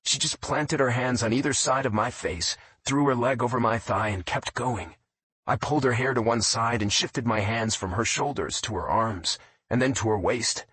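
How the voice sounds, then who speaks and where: Husky male romance audiobook narrator. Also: moderate pace, fairly bright tone, no room sound. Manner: low, intimate first-person reading.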